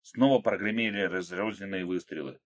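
An audiobook narrator with a low voice reads an action story, keeping his dramatic delivery steady and measured.

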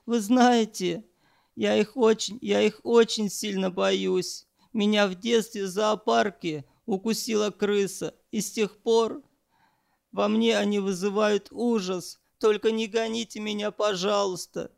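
A man's voice: steady tone, unhurried, vocal fry, dry recording, studio quality, heavily acted. A man voicing a cowardly young trainee who keeps crying and pleading. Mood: sobbing plea. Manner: pleading, tearful, high-strung.

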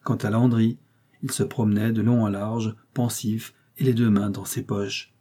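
A male narrator reads a nineteenth-century tale in a measured, even way. His voice is dark and mellow with a husky edge. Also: fairly low pitch. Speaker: audiobook narrator. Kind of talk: scripted narration of a classic story.

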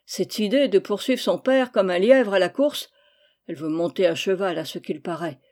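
A woman reading aloud and voicing a young man, a tutor who grumbles and lectures in a measured way. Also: mid-range voice, darkish tone, close to an everyday voice. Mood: grumbling.

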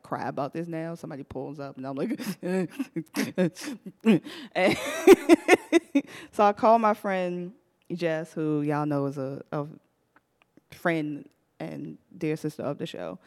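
Brief: young woman host, low voice, animated storyteller who laughs through the story. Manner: animated, laughs often while telling the story. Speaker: podcast host. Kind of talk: casual storytelling to a live audience.

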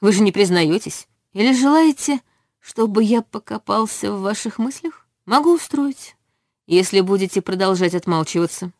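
A woman's voice: mid-range voice, animated, moderate pace, darkish tone, no echo, studio quality, lightly acted. A woman reading a stern male rector. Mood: demanding. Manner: demanding, interrogating. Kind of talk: audiobook reading.

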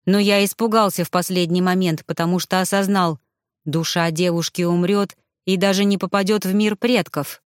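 Hoarse, shaken old male ghost, slow and low, read by a woman narrator. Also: fairly even intonation, dry recording, studio quality, close to an everyday voice. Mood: haunted. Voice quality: hoarse, wheezy.

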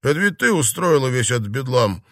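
A man's voice: medium pitch, very animated, brisk, no echo, clean studio sound, voice pushed up. A man voicing a smug, spiteful young overseer who mocks the others. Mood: mocking. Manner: mocking.

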